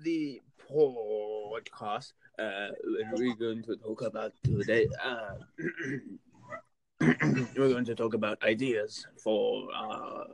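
A man hosting a casual podcast who talks hesitantly and often pauses on fillers. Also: on the low side, rough recording. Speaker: podcast host.

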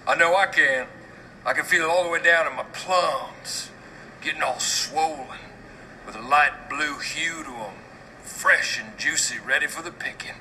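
Cocky crude guy, film clip, real bright and drawn out. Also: on the high side, a little slow, a little hiss or hum, full character voice, poor audio. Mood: leering. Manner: crude, leering.

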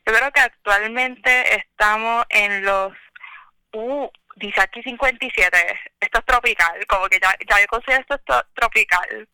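A woman's voice: a little high, moderate pace, pushed and bright, smooth, no room sound, poor audio. A young adult woman chatting casually as a guest over the phone, dropping English words into her Spanish. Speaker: podcast guest. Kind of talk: casual chat.

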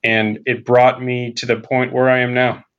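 Flat, deadpan man, dull lo-fi sound. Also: medium pitch, moderate pace, smooth.

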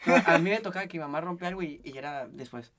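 A man's voice: a little high, very fast, a bit bright. A man with a Mexican accent, chatting casually in a group and telling jokey family stories. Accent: Mexican Spanish. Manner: jokey storyteller, acts out quoted relatives.

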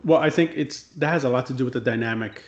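A man's voice: mid-range voice, fast, muffled recording. A man taking part in a podcast conversation as a guest, agreeable and often chiming in with short affirmations.

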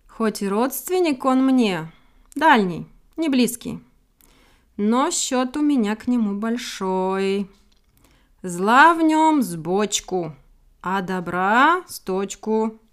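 A good-natured old guard dog, as a woman reader puts him on, talking in a soothing, folksy way. The voice sits fairly high and carries well. This is a storybook reading. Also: expressive, takes it slowly. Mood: musing. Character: kind, brave, clever old male guard dog.

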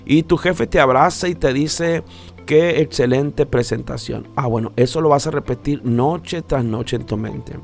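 A man's voice: mid-range voice, moderate pace, few pauses. A man giving a motivational talk, speaking straight to the listener and repeating phrases for emphasis. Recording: faint background music.

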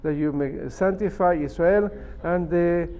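High-voiced New man teaching. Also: a little slow, warm tone. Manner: emphatic, repeats and explains step by step. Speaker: rabbi teaching a Talmud class. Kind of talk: religious lesson, reading and translating a text phrase by phrase.

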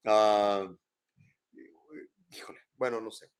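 A man's voice: on the low side, flat delivery, takes it slowly, smooth. An older man with a Mexican accent hosting a live show from his home, chatting in a rambling way and tagging questions onto his sentences. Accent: Mexican Spanish. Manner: rambling, chatty, keeps adding tag questions. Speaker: host. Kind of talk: casual live-show chat.

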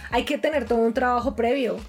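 A woman, chatting casually as co-host with quick reactions. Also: on the high side. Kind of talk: casual chat.

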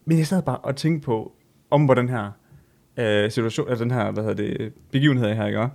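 Young male co-host, animated storyteller, laughs a lot, casual swearing. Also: mid-range voice. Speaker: podcast co-host. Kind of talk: casual chat.

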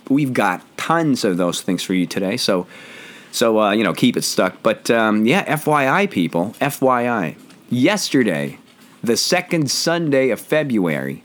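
A man hosting a relaxed home podcast, his voice hoarse and roughened as he jokes about himself. His pitch swings widely and freely as he rambles from one thought to the next. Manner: jokey, rambling, self-deprecating. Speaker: podcast host. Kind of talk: casual chat.

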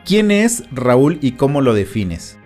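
A male podcast host with a medium-pitched voice. He greets listeners warmly and asks his guest questions in a friendly way. Soft music plays underneath. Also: sing-song, takes it slowly. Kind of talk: podcast interview.

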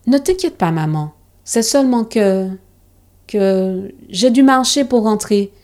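A woman's voice: medium pitch, lively intonation, slow pace, a little mellow. A woman voicing a young schoolboy who is kind and earnest, in a storybook reading.

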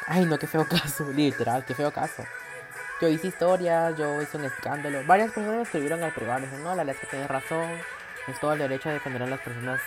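Un hombre con acento centroamericano que habla en su podcast de forma casual, chismosa y presumida, con cambios dramáticos de tono. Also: male voice. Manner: dramatic, gossipy and boastful, with big swings in pitch and loudness. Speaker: podcast host.

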